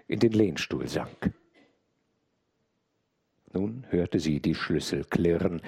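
Male audiobook narrator, husky, slow and very expressive, dry close sound. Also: low-pitched, no echo. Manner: dramatic, expressive reading. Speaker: audiobook reader. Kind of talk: scripted narration of a classic novella.

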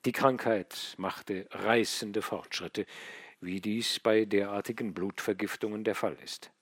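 A man narrating a classic novel in a measured, even storytelling voice. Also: lowish voice, breathy edge, dry recording, clean studio sound. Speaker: audiobook narrator. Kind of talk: scripted literary narration.

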